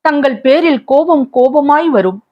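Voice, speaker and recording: A woman's voice: high-pitched, expressive, a little slow, voice pushed up. A woman voicing a young lovelorn woman who is tearful and wistful, speaking in a plaintive, pleading tone, in a slightly muffled recording.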